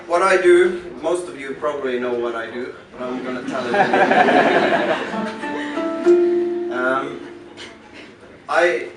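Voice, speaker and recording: A male musician from western Norway with a Norwegian accent offers unscripted stage talk about his work at a concert club, halting and unhurried with many pauses and restarts. His medium-pitched voice competes with loud music. The house-speaker sound is recorded from the back of the reverberant room, distant and roomy.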